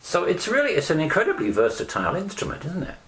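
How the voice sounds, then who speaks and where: An older man interviewing a guest, asking questions in a lively, conversational, admiring way. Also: sits high, fast talker. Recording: roomy echo.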